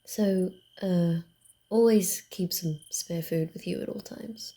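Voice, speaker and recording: A woman's lowish, slow-paced voice brings a guarded, bossy vampire to life in gentle ASMR roleplay. She is wary and dryly teasing, with a grumbling, hesitant manner and frequent whispers.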